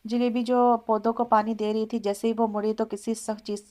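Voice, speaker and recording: Flat-voiced woman narrating an audio novel. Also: a little high, a little fast.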